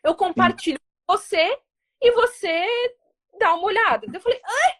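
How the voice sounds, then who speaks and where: A woman's voice: extremely high pitch, moderate pace. A woman diplomat from Brazil, telling a story in an interview and acting out the quoted dialogue. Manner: animated, acts out quoted dialogue.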